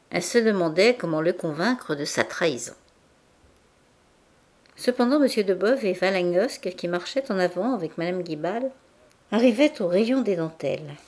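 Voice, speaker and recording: A woman narrating a classic novel as an audiobook in a measured, even literary reading. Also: on the low side. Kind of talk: scripted narration.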